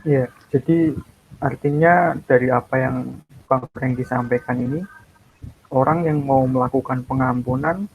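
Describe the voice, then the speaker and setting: A man's voice: mid-range voice, fairly even intonation, unhurried, pauses often, a little hiss or hum, low-quality recording. A man from Indonesia hosting an interview, giving short replies and summing up what his guest said. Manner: brief listening replies, sums up the guest's point. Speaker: interview host. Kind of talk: casual interview.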